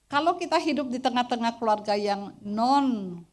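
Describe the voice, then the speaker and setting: Loud, lively middle-aged woman preacher. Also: on the high side, moderate pace. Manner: loud voice that carries far; lively, humorous storytelling, often addressing the congregation. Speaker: pastor. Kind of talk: Sunday sermon. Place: church.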